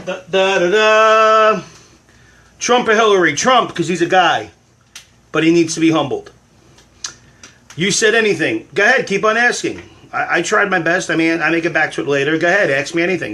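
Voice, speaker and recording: A man's voice: fairly high pitch, sharp tone. A man hosting a casual livestream from his phone at home, rambling and self-deprecating while he cooks eggs and answers fan questions.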